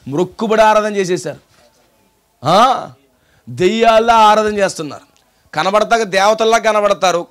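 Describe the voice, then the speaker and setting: A pastor with a Telugu accent delivers a sermon in a high, ringing voice. He preaches in waves of rhetorical questions and call-and-response, retelling the story and driving the point home to the congregation. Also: a bit bright.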